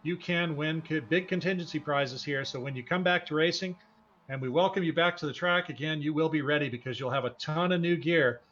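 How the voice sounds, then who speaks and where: This sim racing broadcast host commentates live with folksy, informal excitement, his voice a little high, a little fast and slightly bright. The recording comes through as dull lo-fi broadcast audio.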